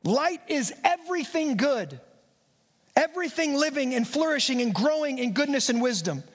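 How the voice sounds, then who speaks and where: Pastor, male, very high voice, emphatic sermon delivery, stacks repeated phrases, recorded in a reverberant sanctuary. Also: expressive, moderate pace. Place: church sanctuary. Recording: long reverb of a church hall.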